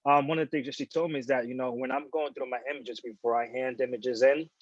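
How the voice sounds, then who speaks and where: Man in his 40s, photojournalist, candid panel talk, average pitch, muffled dry video-call audio. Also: fast talker, no room sound. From born in Dominican Republic, grew up in New York. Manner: relaxed and candid, with many fillers and restarts. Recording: dull lo-fi sound, dry.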